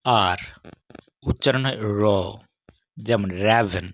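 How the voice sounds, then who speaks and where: Low-voiced man teaching a dry lesson. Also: no echo. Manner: measured, steady letter-by-letter explanation. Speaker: English teacher. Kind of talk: scripted lesson on English consonant sounds.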